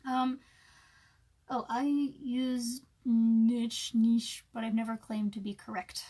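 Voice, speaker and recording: Woman, 30s, author doing a live-stream chat; slightly higher voice, loose and rambling, self-deprecating. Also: unhurried, mellow. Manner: rambling, chatty, self-mocking, many fillers.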